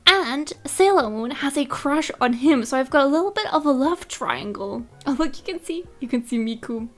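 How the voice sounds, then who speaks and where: A young woman giving bubbly, excitable gameplay commentary and giggling often. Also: high-pitched, normal speed. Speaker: gaming YouTuber.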